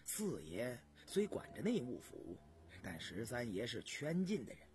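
A man voicing a worried older male steward who speaks in a low, hushed, musing way. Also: huge pitch swings, unhurried, faint music behind. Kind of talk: storytelling voice acting.

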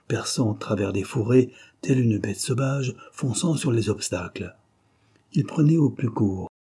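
A man narrating a novel aloud in an expressive storytelling manner. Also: fairly low pitch, slightly rough. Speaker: audiobook reader. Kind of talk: scripted narration.

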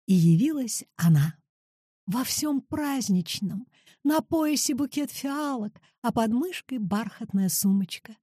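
A woman reads a children's audiobook with animated storytelling. Her voice is mellow and husky, recorded close and dry with no room sound. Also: on the high side, slow, no room sound. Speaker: narrator.

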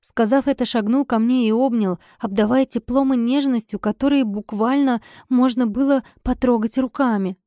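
A woman narrating a first-person audiobook expressively, her dialogue flaring into sharp irritation. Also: on the high side, moderate pace, hardly any pauses, no echo, studio quality.

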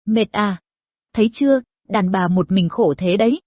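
A woman voicing a nosy, chatty older village woman who pries into her neighbor's business, in a shrill, gossipy manner, for an audio story. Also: moderate pace, husky, no echo, natural voice. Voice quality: shrill, prying. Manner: gossipy, scolding, probing. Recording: dull lo-fi recording.

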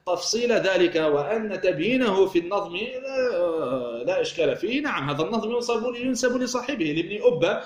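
A man teaches grammar at a fast clip, his voice sitting high. He keeps asking a question and then answering it himself, restarting phrases along the way. The room around him is echoey. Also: animated. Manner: explanatory, asks himself questions and answers them, many restarts. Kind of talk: recorded grammar lesson.

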